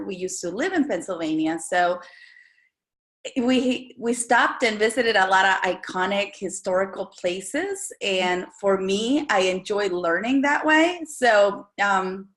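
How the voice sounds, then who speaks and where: Woman from El Salvador, guest author; casual, thoughtful interview answers with searching pauses. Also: medium pitch, a bit bright. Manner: thoughtful, with frequent fillers and restarts.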